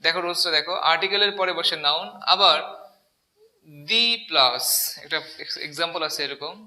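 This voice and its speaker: A man's voice: fairly high pitch, fairly quick, sharp tone. A man teaching an English grammar lesson, asking the class questions and repeating key words. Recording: echoey room.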